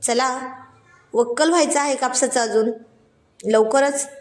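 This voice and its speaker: A woman's voice: high-pitched, unhurried, roomy sound. A woman voicing a formal, older village patriarch in a spoken story. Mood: urging. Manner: formal, urging.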